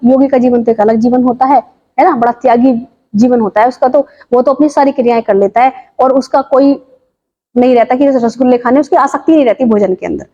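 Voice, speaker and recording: A woman teaching yoga and diet in an informal talk, asking listeners lively rhetorical questions. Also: high-pitched. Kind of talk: informal health talk to viewers. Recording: dull lo-fi sound.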